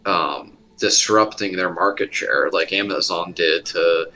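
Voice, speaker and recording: A man appearing as a guest on an investing show, adding halting, casual comments with dry quips. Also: deep voice, pushed and bright, soft background music, rough recording. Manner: hesitant, restarts, dry quips. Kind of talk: casual chat.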